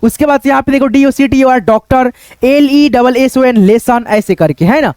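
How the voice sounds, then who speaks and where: A man teaching English pronunciation, spelling words out letter by letter and then saying them slowly, with the same friendly filler phrases over and over. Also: very high-pitched, darkish tone, clean tone, dry recording. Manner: repetitive, keeps saying "okay friends" and "look here".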